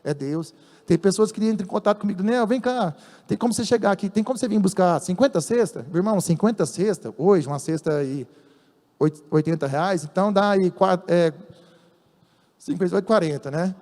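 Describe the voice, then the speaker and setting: High-voiced Brazilian preacher in reverb. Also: male voice, a little fast, a little mellow. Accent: Brazilian Portuguese. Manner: storytelling preacher, acts out dialogue, emphatic. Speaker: church elder preaching. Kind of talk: sermon.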